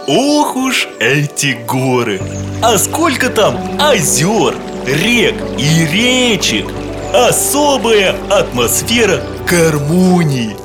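Slow-paced, expressive kindly chef played by an actor. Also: medium pitch, music in the background. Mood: fond, dreamy. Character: kindly chef, caring and dreamy food lover. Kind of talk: children's audio story acting.

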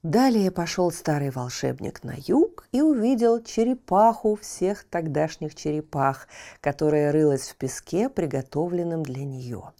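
A woman narrating a children's bedtime story in a gentle, unhurried manner, sometimes dropping into a whisper at phrase ends. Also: low voice, lively intonation.

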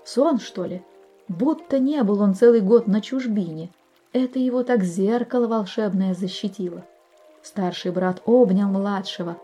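A woman reads a fairy tale aloud in a warm, dark, slightly husky voice, gentle and expressive as she speaks directly to the listener. Soft music plays faintly under her narration. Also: mid-range voice. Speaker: storyteller. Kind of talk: fairy tale reading for children.

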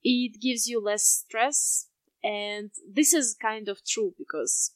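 Higher-voiced young Russian woman, chatting reflectively. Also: slow, no echo. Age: 20s. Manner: hesitant, searching for words. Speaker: podcast co-host. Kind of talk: casual reflective chat.

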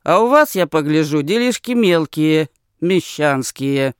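A man voicing a grumpy, hunched old woman servant who scolds in a slow, drawn-out grumble. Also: on the high side, expressive, smooth, no room sound, clean studio sound, voice pushed up. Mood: grumbling.

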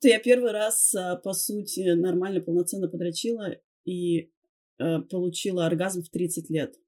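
A woman's voice: on the low side, fairly even intonation, normal speed, darkish tone, faint music behind. A woman in her thirties or older, a podcast guest telling personal stories casually and candidly, with self-mockery and swearing. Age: 30s or older. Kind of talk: casual confessional storytelling.

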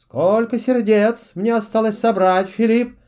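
A man's voice: high voice, lively intonation, slow, a little mellow. A man voicing an imperious ice witch queen in a children's fairy-tale audiobook, cold and commanding. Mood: icy commanding. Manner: icy, commanding and scornful.

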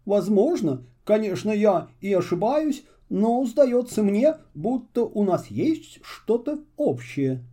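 A man voicing a polite, shy and lonely little male traveler in a children's story, speaking slowly and courteously. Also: sits high, sing-song, dark tone, voice pushed up, heavily acted. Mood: polite, gentle. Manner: slow, courteous and hesitant.

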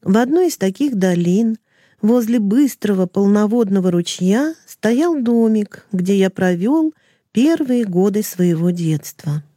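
A woman narrating a classic story in the first person in an even, measured reading voice. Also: mid-range voice, dry recording, clean studio sound.

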